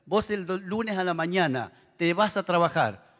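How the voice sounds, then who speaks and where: Male pastor, argentine accent, middle-aged, fairly high voice, chatty animated preaching, long hall echo. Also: normal speed. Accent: Argentine Spanish. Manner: conversational preaching, animated with asides to the audience. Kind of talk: sermon. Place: large convention hall. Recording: long reverb of a big hall.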